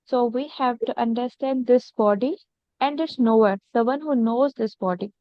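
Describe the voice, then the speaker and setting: A woman's voice: on the high side, moderate pace, no echo. A woman student answering in an online class, hesitant and searching for words. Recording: dull lo-fi video call audio.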